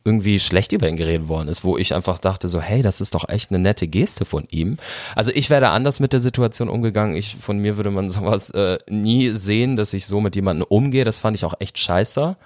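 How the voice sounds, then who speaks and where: A man's voice: lowish voice, fairly quick, no echo, studio quality. A man, a former reality show contestant, talking openly and chattily about his time on the show. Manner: open, chatty, candid. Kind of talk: casual interview chat.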